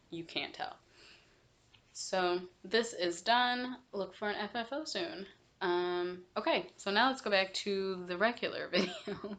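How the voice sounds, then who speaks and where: A woman's voice: medium pitch, fairly bright tone. A young woman chatting casually in a cross-stitch vlog, rambling with many ums and self-corrections. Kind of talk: casual chat.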